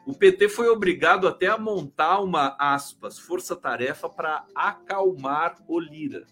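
A man's voice: a little high, unhurried, sharp tone, soft background music. A man hosting a live stream, chatting casually about politics, rambling and tagging his sentences with questions to viewers. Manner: chatty, rambling, constant "né?" tags, reads out viewer comments.

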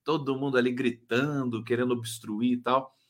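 A man's voice: mid-range voice, fairly even intonation, moderate pace. A man with a Brazilian Portuguese accent hosting a live stream, chatting casually, greeting viewers by name and commenting on politics. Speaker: live show host.

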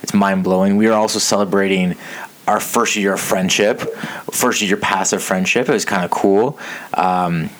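A podcast host in his thirties with a fairly low voice. He talks in a casual, conversational way, like he is chatting across a table. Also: fairly even intonation, normal speed. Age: 30s. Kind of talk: casual chat.

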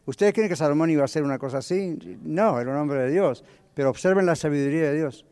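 A man's voice: on the high side, fast, warm tone, clean tone. A male pastor teaching a Bible lesson in a conversational way, putting questions to his congregation. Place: church hall. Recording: long church hall reverb.

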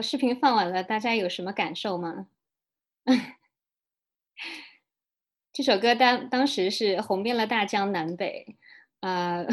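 Gravelly-voiced woman dissecting pronunciation. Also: medium pitch. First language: Chinese. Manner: analytical, demonstrates English words. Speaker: speech therapist. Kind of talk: lecture analysis.

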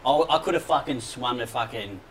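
A man's voice: medium pitch, animated, fairly quick, fairly bright tone, slight background noise, poor audio. A young man with an Australian accent, telling a rambling story in casual chat, swearing a lot and leaning on fillers. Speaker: guest.

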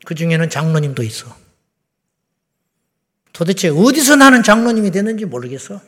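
A middle-aged male pastor preaching a sermon in a blunt, conversational way, firing rhetorical questions and then dropping to a low, quiet voice. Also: sing-song, moderate pace. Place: large church sanctuary. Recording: long reverb of a church sanctuary.

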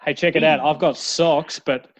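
A man's voice: fairly high pitch, fairly even intonation, normal speed, no echo. A man with a broad Australian accent hosting a casual podcast, recorded at home over an online link. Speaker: podcast host.

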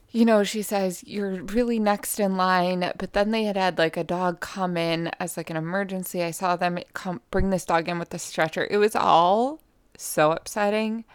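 A woman's voice: on the low side, fairly even intonation, normal speed, clear, resonant tone, no echo, studio quality. A young woman hosting her own podcast from home, talking frankly and profanely in a rambling way, with lots of fillers. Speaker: podcast host. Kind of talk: candid solo podcast monologue. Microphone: podcast microphone.

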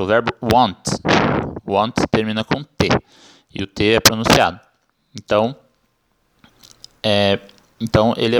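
A man hosting a podcast lesson, explaining English pronunciation in a casual way, restarting and correcting himself often. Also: on the low side. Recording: loud background noise.

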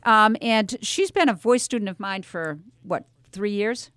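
A middle-aged woman, a radio host and voice teacher, interviews young performers in a chatty, effusive and encouraging manner, using a studio microphone with headsets. Her mid-range voice is unhurried, clear, resonant and a bit bright, on a dry recording.

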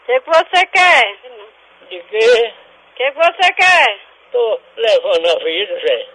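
A man playing a cranky, suspicious old father who answers the phone gruffly and hurls insults. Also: sits high, expressive, slow pace, a bit bright, exaggerated voice, rough recording. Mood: irritated. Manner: gruff, insulting, keeps demanding who is calling. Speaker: prank call character. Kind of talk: comic radio prank call.

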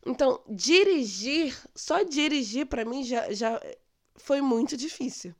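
Chatty Brazilian woman vlogger, high voice. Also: slow pace. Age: late 20s. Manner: chatty, animated retelling with quoted dialogue. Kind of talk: casual storytelling.

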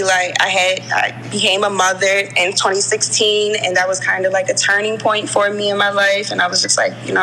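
Bright, gravelly-edged young woman from Baltimore. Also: medium pitch, slight background noise, rough recording. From Baltimore, Maryland. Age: 20s. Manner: chatty, frequent "um" and "like" fillers. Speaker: podcast guest, neon light artist. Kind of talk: casual interview chat.

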